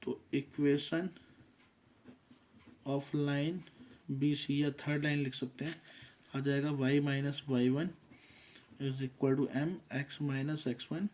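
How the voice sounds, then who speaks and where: A man's voice: mid-range voice, little pitch movement, very slow, pauses often, a little mellow. A man teaching a math lesson, working through steps methodically and mixing English terms into his explanation.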